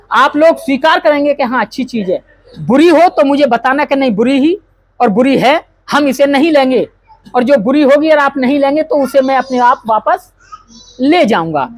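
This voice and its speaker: A man leading a wedding ceremony, giving a preachy speech that quizzes the crowd and leading slow, drawn-out chants. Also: extremely high pitch, no room sound. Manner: preachy, asks the crowd questions. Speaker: wedding officiant.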